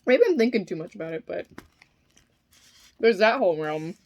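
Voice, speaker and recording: A woman chatting casually and musing in a halting, informal way while eating, sometimes with her mouth full. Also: lowish voice, lively intonation, lo-fi sound. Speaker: vlogger eating on camera. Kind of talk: casual rambling opinion talk while eating.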